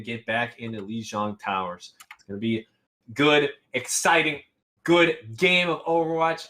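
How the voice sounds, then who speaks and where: A young man casting a live esports match, rambling in a playful, excitable way between games. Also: medium pitch. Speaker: esports caster. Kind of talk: casual live game commentary.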